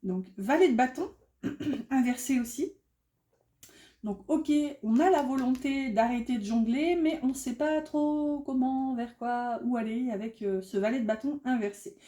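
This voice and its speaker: A woman gives a relaxed tarot reading in a somewhat high, mellow voice. She chats freely, piling up fillers and correcting her own words as she goes. The room around her sounds echoey. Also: a little slow. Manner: chatty, many fillers and self-corrections, laughs at herself. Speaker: tarot card reader.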